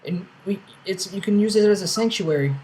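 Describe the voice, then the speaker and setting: A frightened captive pleads to be taken home, his voice pitched well up, as a man puts him on for a tabletop game. He sounds small and anxious, begging rather than demanding. A faint hiss sits under the voice. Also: brisk, warm tone, natural voice, poor audio. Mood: pleading.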